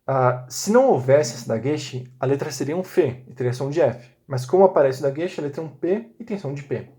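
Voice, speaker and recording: A man's voice: a little high, lively intonation, brisk, warm tone. A man teaching a recorded language lesson. He explains step by step and often checks in with short tag questions. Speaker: Biblical Hebrew teacher.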